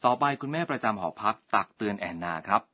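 A man's voice: fairly low pitch, expressive, quick pace, sharp tone, husky. A man teaching a radio language lesson, politely explaining each word in turn.

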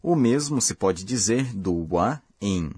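A man with a husky, low-set voice reads a language lesson in a slow, careful, explanatory way. The sound is dry and close, with no room around it. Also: lively intonation, dark tone, no room sound. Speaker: language course host. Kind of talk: scripted lesson narration.

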